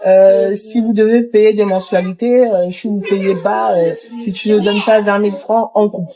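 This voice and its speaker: A woman's voice: mid-range voice, steady tone, moderate pace, background noise. A young woman who owns a restaurant, talking in a casual interview and telling her story with lots of fillers. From Congo. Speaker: restaurant owner.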